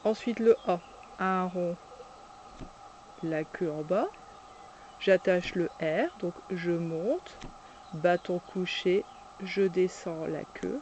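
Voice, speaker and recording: A preschool teacher slowly demonstrating cursive letter by letter, patiently naming each stroke aloud. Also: mid-range voice, darkish tone, slight background noise. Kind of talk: step-by-step handwriting demonstration.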